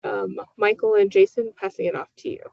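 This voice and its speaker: A woman's voice: mid-range voice, level tone, a little fast, creaky, a little mellow, no room sound. A woman moderating a webinar, her voice muffled by a poor microphone.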